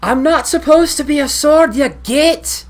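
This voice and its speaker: Guy doing a squeaky cranky cursed sword voice, loud and whiny. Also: a little slow, noisy background. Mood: indignant. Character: cursed talking sword, petulant, male.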